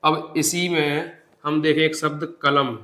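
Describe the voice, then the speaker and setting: A man teaching an exam-prep grammar lesson, explaining step by step and repeating example words slowly. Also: a little high, level tone, bright, forceful tone. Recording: echoey room.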